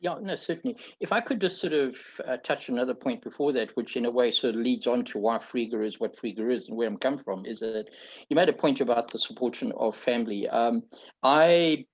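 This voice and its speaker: A man's voice: medium pitch, fairly quick, slightly rough. Rambling Zambian-raised man, dull lo-fi sound. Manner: rambling, repeats words, frequent "okay". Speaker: founder being interviewed. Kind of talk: conversational storytelling.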